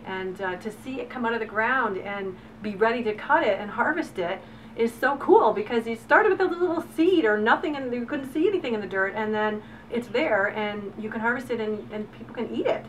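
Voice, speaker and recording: A middle-aged woman talks about her farm in an easy, enthusiastic way, stopping often for "um" and "you know". She sits some way from the microphone, and steady background noise runs under her voice. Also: fairly high pitch, fairly quick. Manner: enthusiastic, chatty, many fillers. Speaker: farm owner. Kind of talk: casual interview storytelling. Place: outdoors on a farm. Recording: distant mic with background noise.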